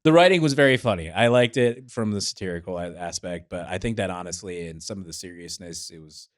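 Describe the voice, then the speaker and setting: Male podcast guest, lowish voice, easygoing jokey movie talk. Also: a little fast. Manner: laid-back, easygoing, jokey. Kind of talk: casual movie review chat.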